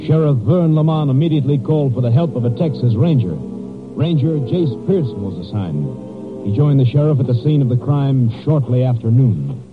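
A man's voice: mid-range voice, big pitch swings, moderate pace. An American man delivering scripted narration as a radio drama announcer. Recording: muffled old radio, music behind. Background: music.

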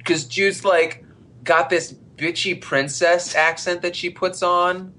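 A man co-hosting a casual movie podcast with a wry, offhand delivery. He swears casually as he talks. His voice is bright and a bit high. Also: fairly even intonation, slow pace. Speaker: podcast co-host. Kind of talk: casual movie review chat.

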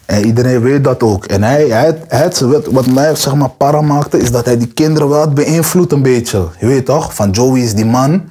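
A man's voice: medium pitch, moderate pace, few pauses, breathy edge. A young man rapper, interview guest, talking in casual street slang and acting out quotes with a raised voice. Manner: animated, acts out quotes with raised voice.

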